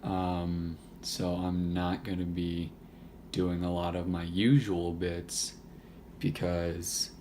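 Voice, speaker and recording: A hoarse young man whose voice is nearly gone, chatting casually about a video game in a rambling, profane, joking way. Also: deep voice, little pitch movement, slow pace, warm tone, slight background noise. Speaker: YouTuber. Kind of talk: casual gaming chat to camera.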